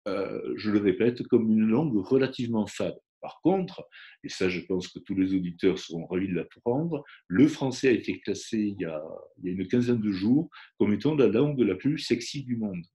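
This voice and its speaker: A man with a somewhat low-pitched voice talks as a phonetics professor in an interview. He explains in a lively, explanatory way and breaks off to demonstrate pronunciation examples aloud. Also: moderate pace.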